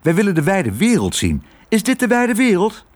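A man doing a chirpy little mouse, squeaky and quick. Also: huge pitch swings, dry recording. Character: cheeky lively young male mouse.

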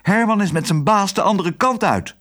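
A man voicing a cross, bossy male crow who talks quickly and scolds. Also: high-pitched, lively intonation, a bit bright, voice pushed up. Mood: urgent.

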